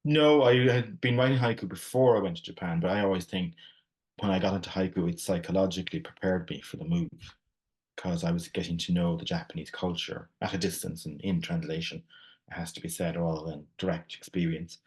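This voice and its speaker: An Irish man in his forties, a poet answering interview questions in a relaxed, rambling way with frequent fillers. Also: deep voice, a little fast. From Ireland. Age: 40s.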